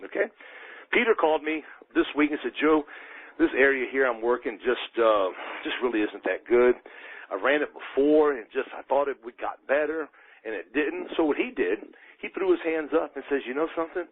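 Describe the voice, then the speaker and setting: On a muffled, narrow telephone conference line, a man leading a sales team delivers an emphatic motivational talk, urging listeners directly. His husky, mid-range voice is lively in intonation and moderate in pace.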